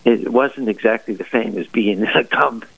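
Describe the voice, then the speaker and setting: Phone-in guest: middle-aged male priest, low voice, dry phone sound, halting and chatty. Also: gravelly, slightly rough, no room sound, dull audio. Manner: halting, many fillers and restarts, chuckles. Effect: heard over the phone. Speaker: priest and army chaplain, radio guest. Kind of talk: casual interview answers.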